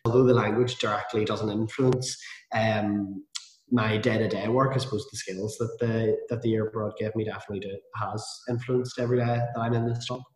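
A man giving reflective, measured answers as a guest in a casual interview. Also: on the low side, steady tone, a little mellow. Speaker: podcast guest. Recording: roomy echo on the voice.

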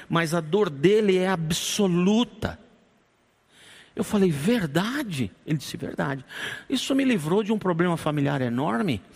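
Male pastor, high-pitched and gravelly, emotional storytelling sermon. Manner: emotional, dramatic storytelling with humor.

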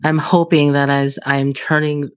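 A woman's voice: sits low, flat delivery, unhurried, clean tone, no echo. A woman in her late thirties, a podcast guest in casual chat, who swears freely, laughs often and restarts her sentences. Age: 30s.

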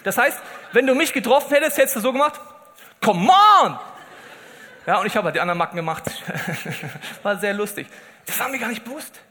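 A man preaching a humorous sermon. He tells stories in a lively way and acts out the quoted lines. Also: high-pitched, fast. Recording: long hall reverb.

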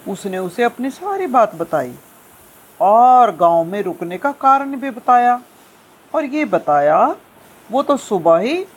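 Female storyteller, slightly husky, pitched a bit high, unhurried and expressive. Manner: lively, expressive, slow-paced telling. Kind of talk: storytelling narration.

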